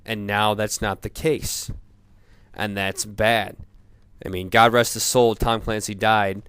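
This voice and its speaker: A man in a profane off-the-cuff gamer rant, sounding drunk, rambling haltingly and repeating himself. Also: lowish voice, flat delivery, a bit bright, clear, resonant tone. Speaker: gamer ranting about video games.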